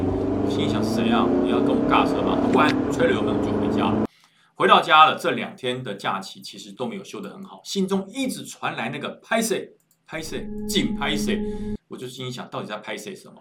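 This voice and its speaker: A man's voice: mid-range voice, very noisy. A man from Taiwan with a Taiwanese Mandarin accent, dramatically telling a spoken ghost story from his army days. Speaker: storyteller, former army officer.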